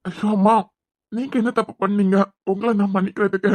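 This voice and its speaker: Woman doing a soft-spoken young cartoon son, Kanyakumari Tamil accent, soothing, dry close sound. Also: medium pitch, steady tone, fairly quick, no room sound, close to an everyday voice. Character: gentle young adult son comforting his mother. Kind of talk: cartoon web series voice acting.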